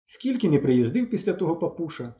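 A man reading a children's audiobook aloud with lively storytelling. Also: fairly high pitch, a little fast, echoey room, lo-fi sound. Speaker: audiobook narrator.

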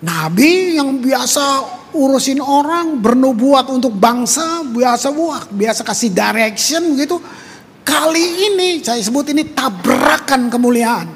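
A man, preaching a conversational sermon as pastor, animated and repeating words for emphasis. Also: measured pace, slightly rough. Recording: reverberant hall with faint rumble.

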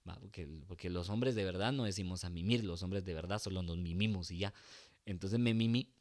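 A man spins a rowdy comic anecdote in a fairly low voice. He swears freely, mocks himself, and jumps into shouted bits as he acts out the scene. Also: fairly quick. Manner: crude, profane, self-mocking, acts out shouts. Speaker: storyteller.

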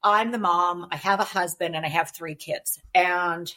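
A woman's voice: on the low side, steady tone, moderate pace, bright, forceful tone. A woman divorce coach on a podcast, explaining in an earnest way and often checking in with "right?". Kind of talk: podcast interview.

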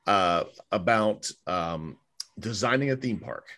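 A man's voice: on the low side, animated, slow pace, sharp tone. A man hosting a podcast over a video call, talking hesitantly with fillers while his audio glitches and warbles. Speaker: podcast host.

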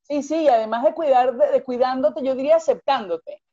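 Woman, life coach, podcast guest, expansive animated explaining, warm mellow voice, dull lo-fi recording. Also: high-pitched, a little fast. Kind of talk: podcast conversation.

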